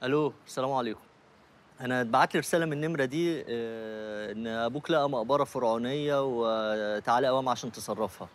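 A man's voice: medium pitch, fast, lightly acted. An actor playing an exasperated, sarcastic man with an Egyptian accent. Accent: Egyptian Arabic.

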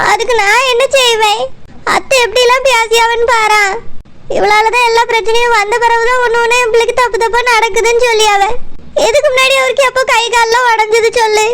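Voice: extremely high pitch, bright, forceful tone. Someone voicing a weeping young wife. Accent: Tirunelveli Tamil. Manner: complaining, aggrieved. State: crying. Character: tearful young village wife.

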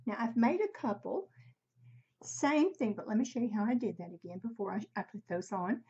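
Husky older woman, slightly muffled. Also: mid-range voice, lively intonation, warm tone. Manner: halting, unhurried, conversational. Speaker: craft tutorial host. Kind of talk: casual craft demonstration. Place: home craft room, indoors. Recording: slightly dull, muffled sound.

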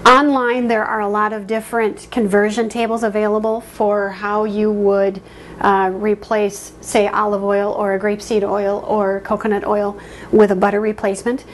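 A woman's voice: mid-range voice, level tone, normal speed, a little hiss or hum. A woman in her thirties giving a casual cooking demonstration in her home kitchen, talking in a friendly, conversational way with frequent ums and uhs.

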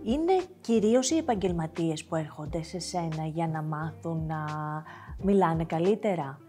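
A woman's voice: sits low, expressive, mellow, soft background music. A woman hosting a TV talk show, curiously asking her guest follow-up questions. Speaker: TV show host.

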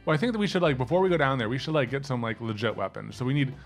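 A man co-hosting a casual let's-play, excitable, blurting quick exclamations and repeating himself mid-sentence. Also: mid-range voice. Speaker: gaming channel co-host. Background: game music.

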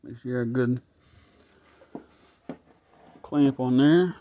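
Holding his phone camera close, a man who vlogs about home mechanics talks slowly to himself in a mid-range voice as he tests an engine on his garage workbench. He comes across as casual yet somewhat frustrated, and the sound has phone-level quality.

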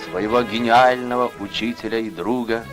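A man narrating an old newsreel in a solemn, measured mourning tone over an archival soundtrack. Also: medium pitch, steady tone. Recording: archival newsreel with loud funeral music. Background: loud mournful orchestral music.

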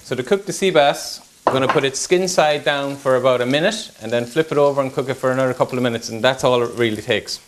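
A man's voice: medium pitch, fast, few pauses. A man in his thirties, a chef, explaining a recipe step by step as he cooks in a kitchen. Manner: relaxed step-by-step instructions while cooking. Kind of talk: cooking demonstration. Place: home-style kitchen, indoors. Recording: noisy kitchen with sizzling pans. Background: sizzling pans.

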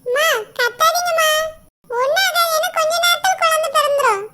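A woman's voice: extremely high pitch, fairly quick, pushed and bright, pitched above the performer's own voice. A woman doing a soothing worried cartoon mother. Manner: soothing, reassuring.

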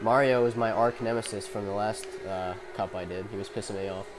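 A man's voice: fairly low pitch, fairly even intonation, a little fast, over music. A young man, sick and coughing, giving casual, profane, rambling commentary over a racing game from his bedroom on a headphone mic. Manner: profane, rambling, self-mocking. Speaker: gameplay commentator.

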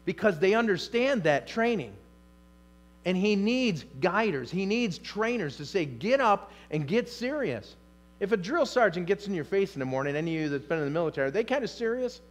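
High-voiced emphatic preacher man. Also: expressive, a little fast. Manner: emphatic, repeats lines and questions the congregation. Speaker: pastor. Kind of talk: sermon. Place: church sanctuary.

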